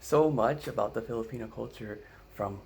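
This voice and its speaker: A man's voice: medium pitch, normal speed, gravelly, darkish tone. Rambling American man telling a funny story. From United States. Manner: rambling with fillers, asks "right?". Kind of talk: comedic storytelling.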